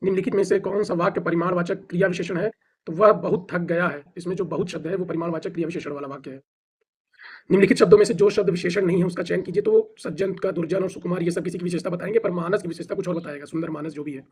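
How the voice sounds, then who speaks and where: A male teacher with an Indian accent runs through word lists for an exam. His voice sits high for a man and has a husky edge. He recites quickly, stopping for short asides in English. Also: fairly even intonation, a little mellow. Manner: rapid list recitation with brief explanations; mixes English phrases into Hindi. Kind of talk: exam-prep vocabulary drill.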